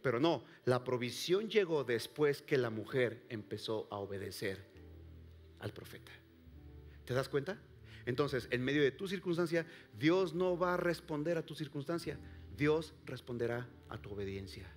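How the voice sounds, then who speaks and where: A man preaching a sermon to a congregation, swinging from loud calls to hushed near-whispers and asking the listeners direct questions. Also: medium pitch, animated, normal speed, faint music behind. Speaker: pastor. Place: church service before a congregation.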